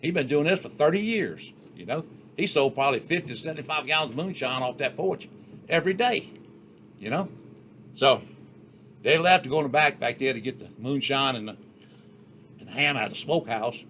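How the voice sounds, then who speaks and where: An older man telling funny stories from his childhood in a folksy, unhurried way. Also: medium pitch, expressive, a bit bright, a little hiss or hum. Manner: folksy, unhurried yarn-spinning with rural Southern US speech. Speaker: storyteller. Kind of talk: casual storytelling.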